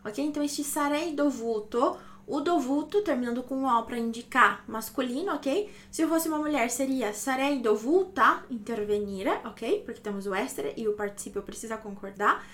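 A woman's voice: fairly high pitch, moderate pace, few pauses, a bit bright. A woman teaching Italian grammar, explaining step by step and checking in often with the listener. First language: Portuguese. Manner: explanatory, checks in with frequent "ok?" and "não é?".

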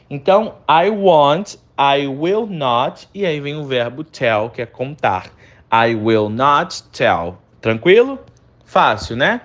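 A man teaching English grammar, saying example sentences slowly and checking in often with his students. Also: on the high side, highs cut off. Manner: slow, drawn-out repetition of example sentences; chatty, checks in often with short tags.

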